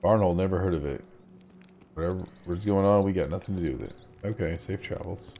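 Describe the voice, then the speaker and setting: A man's voice: deep voice, fairly quick, vocal fry, warm tone, muffled recording, slight background noise. A man reading aloud the lines of a boastful male barbarian tribesman from a game, in a proud, brash way.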